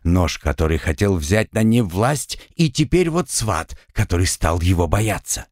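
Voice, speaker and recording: Low-voiced man narrating a story. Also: a little slow, no echo, clean studio sound. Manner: expressive storytelling with acted dialogue. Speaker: audiobook narrator. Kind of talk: fiction audiobook narration.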